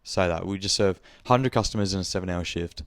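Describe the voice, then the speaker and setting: A man's voice: low-pitched, fairly quick, dry recording, clean studio sound. A young man with an Australian accent, hosting a podcast in a casual, rambling monologue, speaking frankly and swearing freely. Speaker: podcast host.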